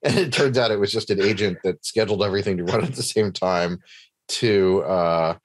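Guy with a really low voice hosting a chat, rambly, very dry sound. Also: brisk, no echo. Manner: rambling, many fillers and restarts. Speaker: podcast host interviewing a guest. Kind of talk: casual conversational interview.

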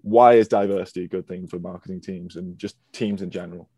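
A man's voice: low-pitched, steady tone, quick pace, warm tone, husky, no echo, studio quality. A man hosting a podcast interview who asks long, hesitant questions full of restarts. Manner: hesitant, many fillers and restarts. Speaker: podcast host.

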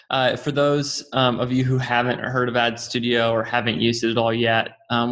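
A man co-hosting a podcast, chatting casually with lots of fillers and jokey jumps in pitch. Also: fairly bright tone. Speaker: podcast co-host. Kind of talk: casual chat leading into a product discussion.

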